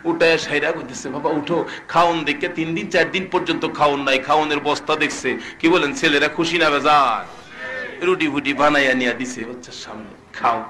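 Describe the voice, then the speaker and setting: Fiery high-voiced preacher. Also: male voice, steady tone, normal speed. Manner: fiery, chanting, asks the crowd questions; shouts sung climaxes, drops to soft storytelling. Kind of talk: Bengali waz sermon.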